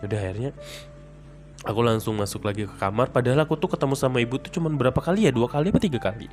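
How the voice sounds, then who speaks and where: A man's voice: mid-range voice, lively intonation, racing, darkish tone. Young male storyteller, chatty and rambling, faint music underneath. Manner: chatty, rambling, many fillers. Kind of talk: casual personal storytelling.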